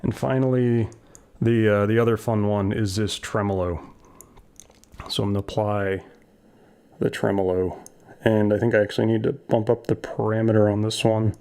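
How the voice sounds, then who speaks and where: Demoing his new audio mixer, this YouTuber rambles casually, full of fillers and false starts. He speaks at a normal speed with long pauses and a flat delivery, his fairly low voice clear, resonant, and slightly mellow.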